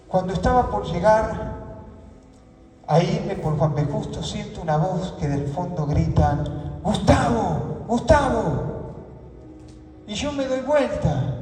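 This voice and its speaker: A middle-aged Argentine man preaching a sermon, telling a personal story and building to shouted fervor. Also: sits high. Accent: Argentine Spanish. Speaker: pastor. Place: church hall. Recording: echoey hall, distant mic, music behind.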